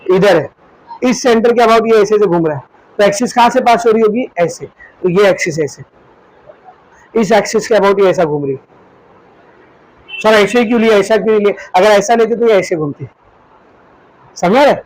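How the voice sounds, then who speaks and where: A man's voice: high voice, moderate pace, long pauses, dry recording, rough recording. A male physics teacher with an Indian accent, lecturing a class and asking questions he answers himself, demonstrating with objects as he explains. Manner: asks the class questions and answers them himself, calls students "beta".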